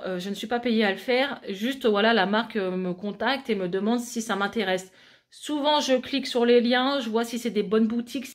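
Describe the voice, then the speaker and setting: Chatty French vlogger mom showing products. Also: female voice, fairly high pitch. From France. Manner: chatty, shows products to camera with many fillers. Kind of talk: casual haul vlog.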